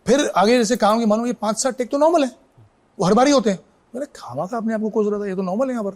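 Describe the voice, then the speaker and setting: A middle-aged man, an actor as an interview guest, telling anecdotes in a casual, lively way and slipping English phrases in. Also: high-pitched, fast talker.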